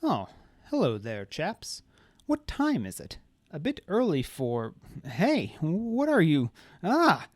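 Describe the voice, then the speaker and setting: A man's voice: high voice, sing-song, moderate pace, vocal fry, a little mellow, dry recording, voice pushed up, heavily acted. A man doing a drawling, genial fop. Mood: bewildered, then dignified. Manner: good-natured drawl, slurred. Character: cheerful drawling foppish young man, slurred.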